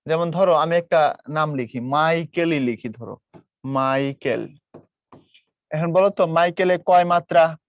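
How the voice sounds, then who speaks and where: Young man, online tutor, fairly high voice, dry close sound. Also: unhurried, pauses often, no room sound. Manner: explains patiently with questions to students, mixes English words; counts out loud, repeats key points. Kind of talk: live online class.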